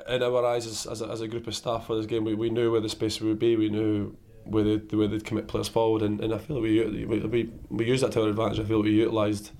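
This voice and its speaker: A man with a croaky voice gives a post-match interview as a caretaker player-manager. He talks quickly in a low, flat tone with a gravelly edge, restarting sentences and repeating himself as he goes. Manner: halting, repeats words and restarts.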